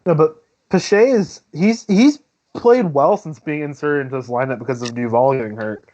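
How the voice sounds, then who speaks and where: A man's voice: a little high, normal speed, darkish tone, dull audio. A man co-hosting a casual baseball watch party, laid-back and laughing easily. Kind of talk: casual live baseball chat.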